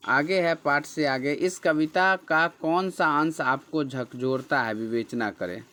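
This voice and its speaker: Slow, patient male teacher. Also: on the high side, pushed and bright. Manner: patient, repeats key words and asks questions then answers them. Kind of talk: slow classroom explanation of a textbook chapter.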